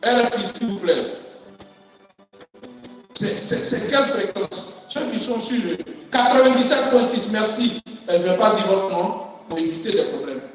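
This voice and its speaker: A man preaching a sermon, fervent and swinging between shouting and quiet, calling to the congregation for responses. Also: high-pitched, expressive, unhurried. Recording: echoey hall from far off, music.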